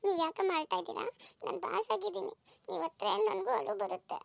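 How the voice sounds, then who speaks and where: A woman voicing an eager, proud young schoolgirl in a family cartoon story, talking in an excited, childlike way. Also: very high voice, quick pace, gravelly, no room sound, clean studio sound, exaggerated voice. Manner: excited, pleading childlike talk.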